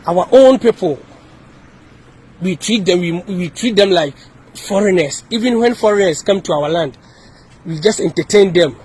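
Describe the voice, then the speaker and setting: A man's voice: high-pitched, moderate pace, long pauses, a little mellow, a little hiss or hum, rough recording. A man from Ghana with a Ghanaian accent delivering an impassioned video message, repeating his points and often restarting his sentences. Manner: repetitive, emphatic, with many restarts. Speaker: activist speaking to camera.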